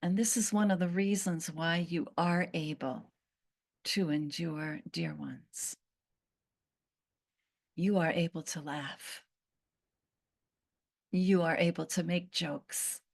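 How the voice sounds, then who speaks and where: A woman channeling a once-cursed fig tree spirit, speaking in a slow, earnest storytelling manner with long pauses. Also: lowish voice, creaky, exaggerated voice.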